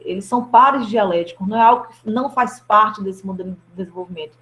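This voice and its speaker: A woman's voice: mid-range voice, poor audio. A woman from Brazil giving an academic presentation to a study group, hesitant, with many fillers and restarts.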